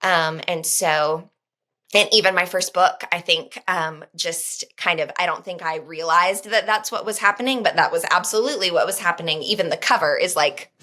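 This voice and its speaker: A woman in her thirties, a podcast guest speaking in an earnest, reflective way with frequent pauses and fillers. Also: fairly low pitch, pushed and bright. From United States. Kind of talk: podcast conversation.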